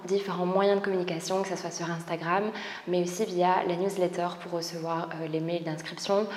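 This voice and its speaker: Soft-spoken French woman, yoga instructor, low-pitched voice, whispered breath cues, echoey room. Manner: soft, calm cueing of breath, often whispered. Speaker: yoga teacher and spiritual coach. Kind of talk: guided yoga class instruction. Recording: roomy echo with long reverb, faint background noise.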